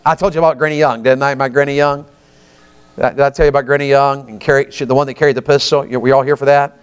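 A man's voice: medium pitch, steady tone, fast, clean tone. A man, preaching a folksy sermon and often asking the congregation questions. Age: 50s.

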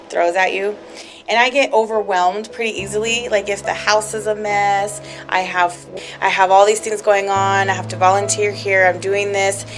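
A woman in casual conversation with her husband, open and emotional, with plenty of "like" fillers. Her pitch sits in a middle range. Music plays clearly under her voice. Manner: candid and emotional, heavy use of "like". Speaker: podcast co-host.

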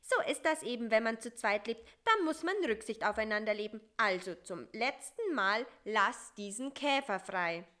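A woman voicing a bossy, sharp-tongued little male fly in a read-aloud children's story, talking in a quick, shrill, scolding way. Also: very animated. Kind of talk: storybook reading.

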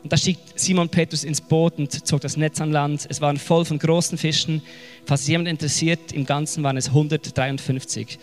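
A man with a Swiss German accent preaching a sermon, often searching for words and retelling scripture in a casual, lively way. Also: a little high, brisk, long reverb tail, soft background music. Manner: searching for words, frequent fillers and restarts.

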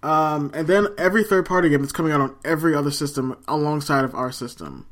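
A woman's voice: low voice, quick pace. A woman co-hosting a casual chat, loose and chatty with lots of fillers and the odd swear. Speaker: podcast co-host. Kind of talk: casual chat about games.

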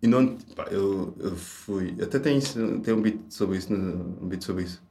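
A man with a European Portuguese accent, a stand-up comedian telling a story in casual chat, animated and acting out the people in it. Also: sits low, normal speed, creaky. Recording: roomy echo.

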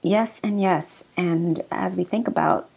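A woman's voice: lowish voice, a little slow, creaky, a little mellow, breathy edge. A woman hosting a podcast, asking questions in a playful, encouraging way. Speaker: podcast host. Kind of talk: interview hosting.

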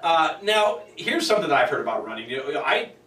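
A man's voice: on the high side, big pitch swings, fairly quick, pushed and bright, distant mic. A man in his forties hosting an interview, chatty and rambling, full of "you know". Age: 40s. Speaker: interviewer, host. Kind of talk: conversational interview. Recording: echoey room, voice off-mic.

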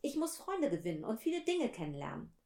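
A woman voicing an earnest, curious little prince who asks soft, childlike questions in a storybook. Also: a little high, wildly swooping pitch, fairly quick, gravelly, voice pushed up, heavily acted. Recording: roomy echo.

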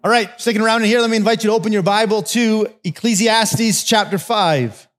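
High-voiced pastor, chatty sermon. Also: male voice, a little fast, a bit bright. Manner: conversational storytelling, joking asides.

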